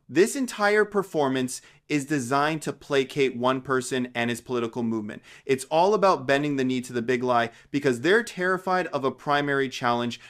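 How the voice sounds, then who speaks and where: A man giving conversational political commentary in an indignant, sardonic way, leaning on rhetorical questions. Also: medium pitch.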